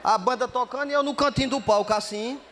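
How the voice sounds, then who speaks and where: A man telling a story in stand-up comedy, lively and acting out the dialogue. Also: very high voice, quick pace, slight background noise.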